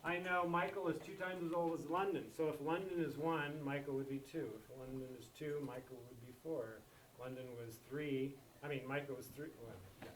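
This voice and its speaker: Man teaching math to a class, higher-pitched, emphatic, recorded from across an echoey classroom. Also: steady tone, brisk, recorded from a distance, slight background noise. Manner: repeats key points with emphatic checks. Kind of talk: classroom lesson.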